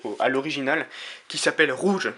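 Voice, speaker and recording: A man giving casual, enthusiastic unboxing commentary to his viewers, pausing often with hesitations and praising everything he shows. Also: mid-range voice, bright, forceful tone. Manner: enthusiastic, keeps calling things magnificent, frequent hesitations. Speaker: YouTuber unboxing playing-card decks.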